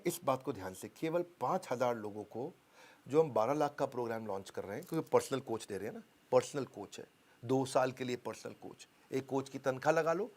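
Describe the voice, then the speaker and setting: A man giving a motivational business seminar, emphatic, repeating key phrases and having the audience finish his lines. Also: mid-range voice. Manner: call-and-response, has the audience finish lines. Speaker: business coach.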